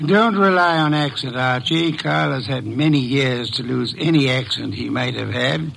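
A male actor voices a middle-aged private eye for a 1950s radio play. He delivers his lines in a commanding, exact and measured way, with a medium-pitched voice that is creaky and a bit bright.

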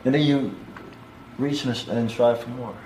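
A man's voice: medium pitch, fairly even intonation, moderate pace, a little mellow. A man chatting casually, rambling through his reflections and stories in loose slang. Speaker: stage show performer. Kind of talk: casual chat. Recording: roomy echo, light background noise.

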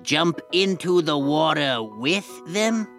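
Brief: woman as goofy former referee, deliberate pace, gravelly, kids' comedy. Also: low-pitched, expressive, over music, full character voice. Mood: dopey, curious. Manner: slow, drawling, with a gravelly edge and dopey reactions. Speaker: co-host of a kids' story show. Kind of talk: children's audio comedy.

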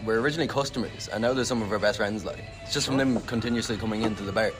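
Young man, west of Ireland accent, brisk and casual, music playing behind him. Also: on the low side. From Galway, Ireland. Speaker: bartender interviewed as guest. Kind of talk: casual chat. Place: in a bar.

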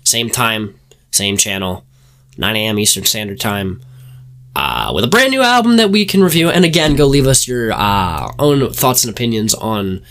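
A man with a low, gravelly, slightly hoarse voice chats loosely on a podcast. He rambles, restarts and jokes about himself between fillers. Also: big pitch swings, moderate pace, a bit bright. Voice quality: gravelly, smoker-like voice. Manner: rambling, self-mocking, full of fillers. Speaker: podcast co-host. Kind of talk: casual podcast chat.

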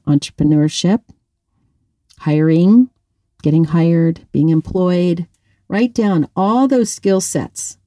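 Middle-aged woman, motivational speaker, encouraging, laughs often, dry close sound, lowish voice. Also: dark tone, dry recording. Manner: addresses the listener directly. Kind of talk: motivational talk to women.

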